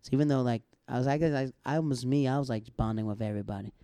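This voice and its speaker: An American man in casual chat, telling animated stories and acting out the people he quotes. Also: medium pitch, racing, dry recording. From United States. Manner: animated storyteller who acts out quoted dialogue.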